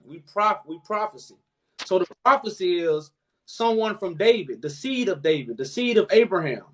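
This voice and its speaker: A man hosting a live chat, preaching and explaining at length, calling the listener "brother man". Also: high voice. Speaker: host.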